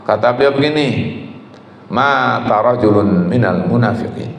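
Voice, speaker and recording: A man giving a religious lecture, explaining texts and speaking directly to his audience with animated retelling. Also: mid-range voice, a little slow, vocal fry, a little hiss or hum. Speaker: preacher. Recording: echoey hall with faint ambience.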